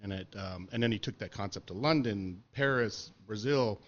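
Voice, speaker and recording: A middle-aged man spinning stories on a podcast, easygoing and full of swearing and "you know"s. His voice sits fairly low. The audio is a bit dull and lo-fi. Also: moderate pace. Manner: laid-back, profane, filler-heavy. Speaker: podcast interviewee. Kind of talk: casual storytelling chat.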